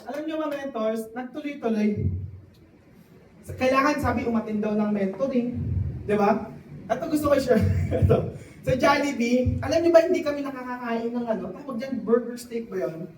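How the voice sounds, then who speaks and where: A man giving a motivational testimony to a live audience, often turning to the crowd with quick questions. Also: very high voice, noisy background. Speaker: testimonial speaker at a sales event. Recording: echoey hall, voice from a distance.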